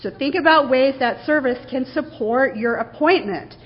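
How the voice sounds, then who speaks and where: Woman with a bright higher voice giving an emphatic talk. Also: moderate pace, lo-fi sound. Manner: earnest, emphatic, stresses key words. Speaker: university administrator giving a faculty talk. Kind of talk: conversational presentation.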